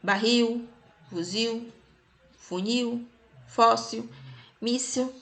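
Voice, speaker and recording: A woman's voice: fairly high pitch, drawn-out words, creaky, a bit bright. A Brazilian woman teaching grammar rules, explaining patiently and checking in with "ok?" after each point. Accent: Brazilian Portuguese.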